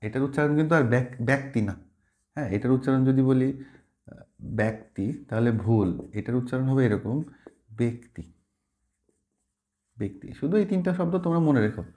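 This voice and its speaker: Male teacher, warm dark tone, patient, repeats each word slowly for students. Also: medium pitch. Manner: mixes in English words while explaining. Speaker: language teacher. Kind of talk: spoken pronunciation lesson.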